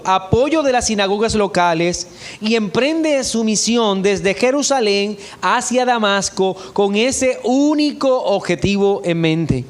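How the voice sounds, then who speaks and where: Delivering a church sermon, a male pastor with a strikingly high voice reads scripture verses aloud and works through them in a steady, measured preaching style.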